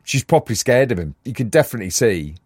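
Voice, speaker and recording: A man from Newcastle, co-hosting a podcast in animated, jokey casual chat. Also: mid-range voice, quick pace, slightly rough, no room sound, clean studio sound. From Newcastle, England. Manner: animated, jokey, lots of agreeing. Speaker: podcast co-host.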